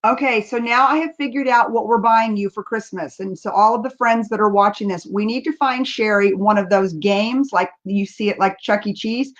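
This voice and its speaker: A woman's voice: mid-range voice, normal speed, hardly any pauses. A woman hosting an interview over a video call, enthusiastic and full of praise, laughing often. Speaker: host. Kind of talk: casual interview. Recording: slightly dull lo-fi sound.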